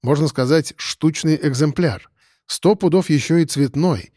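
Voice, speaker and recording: A man's voice: a little high, a little slow, mellow, no room sound. A man narrating an audiobook in a stern, dry, matter-of-fact first-person manner.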